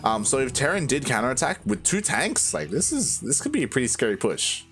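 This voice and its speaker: A man's voice: mid-range voice, very animated, fairly quick, gravelly, a bit bright, faint music behind. A man giving casual, conversational live commentary on a game in an informal way. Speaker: esports commentator.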